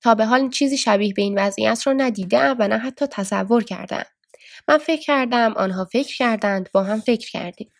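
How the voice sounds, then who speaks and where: A woman's voice: fairly high pitch, gravelly. A woman voicing a puzzled male doctor who explains things thoughtfully to his residents.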